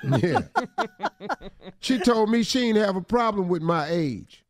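A man's voice: high-pitched, sing-song, takes it slowly. A man co-hosting a comic advice talk segment, teasing the letter writer and acting out his lines. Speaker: radio show co-host giving advice. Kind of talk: comic relationship advice chat.

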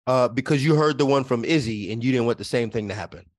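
A man's voice: medium pitch, fast, dry recording, studio quality. Easygoing male guest co-host. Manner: easygoing, agreeable, laughs often. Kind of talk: casual chat.

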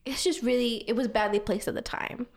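A young woman with a fairly high voice tells a story in a casual chat. She is animated and laughs often, with plenty of "like" along the way. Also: a little fast.

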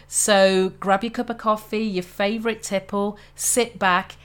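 A career strategist in her fifties from Birmingham, England opens her podcast and moves into a conversational interview, speaking confidently about her own career. Her Birmingham accent comes through in a clear, resonant, medium-pitched voice with fairly even intonation and a measured pace.

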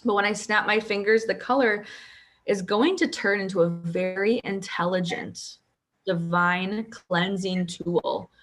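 A woman guiding a hypnosis session as a hypnotherapist, speaking softly and soothingly in repetitive phrases. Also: medium pitch, a little slow.

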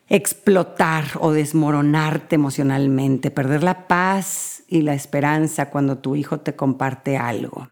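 A woman giving a parenting talk that walks through common mistakes, filling her pauses with "este" and "¿no?" and briefly acting out parent and child lines. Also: sits low, darkish tone. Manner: fills pauses with "este" and tag questions "¿no?"; acts out parent and child lines in quick short voices. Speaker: parenting educator.

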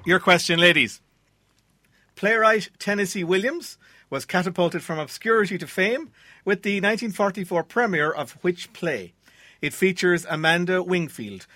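Irish guy hosting a quiz, highish bright voice, reading questions n bantering. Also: animated, moderate pace, no room sound, studio quality. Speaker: quiz host.

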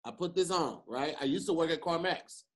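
This is an American man with a notably high voice for a male speaker. He hosts a podcast, talking in loose, slangy banter with a group. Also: brisk. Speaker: podcast host.

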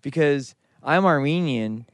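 Smooth, slightly high-voiced curious man. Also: animated, measured pace, no echo. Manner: curious, asks lots of questions. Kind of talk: casual chat.

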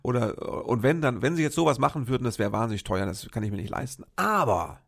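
A man's voice: mid-range voice, animated, quick pace, vocal fry. An older man hosting a podcast, telling a long story in a rambling, chatty way and often turning to his listeners with a questioning "ne?". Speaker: podcast host. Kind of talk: casual storytelling monologue.

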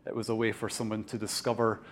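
A man from Scotland presenting a business talk to a room audience, chatty and relaxed, with many ums and restarts. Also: lowish voice, quick pace, slight background noise. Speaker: company co-founder giving a talk. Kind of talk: conference presentation.

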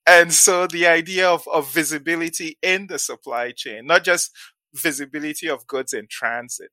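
Being interviewed casually, this man from Ghana, a venture investor in his forties, tends to repeat words when beginning a thought and gives light laughs. His voice is a little high, bright, and forceful, delivered at normal speed with no room sound.

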